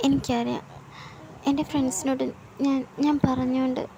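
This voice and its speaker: A woman voicing a young woman about to leave home, crying softly and stammering as she talks. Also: high-pitched, little pitch movement, normal speed, creaky, a little hiss or hum, poor audio. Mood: resolute. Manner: stammering, soft and hesitant.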